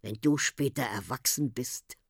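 A woman's voice: very deep voice, a little slow, creaky, slightly rough, dry recording, pitched below the performer's own voice, heavily acted. Woman reading doing a wry clever little girl, dry close sound. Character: dry, sharp-witted young girl. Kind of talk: storybook reading.

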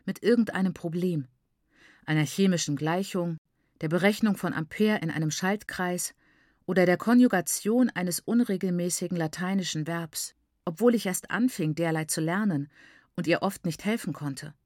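A woman narrating a literary novel in the first person, in a measured, grave storytelling manner on a close mic. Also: lowish voice, a little mellow, dry recording. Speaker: audiobook narrator.

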